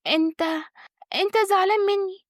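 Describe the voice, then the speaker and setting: A woman's voice: high voice, quick pace, no room sound, clean studio sound, pitched above the performer's own voice, close to an everyday voice. A woman voicing a scheming young wife with an Egyptian accent, sweet-talking and coaxing. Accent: Egyptian Arabic.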